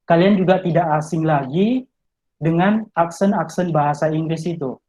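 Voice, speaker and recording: In a rough video-call recording, a man with a fairly high, darkish voice speaks at normal speed. He's an English tutor giving an online talk on study tips, laying them out step by step and speaking straight to his listeners.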